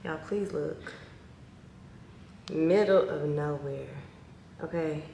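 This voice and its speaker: A woman in her twenties from Texas, chatting casually to camera in a slangy, lively vlog. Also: deep voice, slow pace, gravelly, a little hiss or hum. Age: 20s. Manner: chatty, animated, uses slang. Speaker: vlogger. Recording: echoey room, recorded from a distance.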